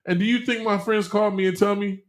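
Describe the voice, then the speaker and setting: A man's voice: high voice, steady tone, quick pace, echoey room. A man co-hosting a casual sports talk show, pressing his partner with pointed questions and playful ribbing.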